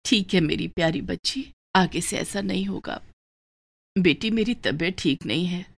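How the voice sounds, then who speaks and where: A woman voicing a poor widowed village mother in a storybook tale. She speaks softly and faintly in a low voice. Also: normal speed, creaky, husky. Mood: weak, tender. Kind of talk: storybook voice acting.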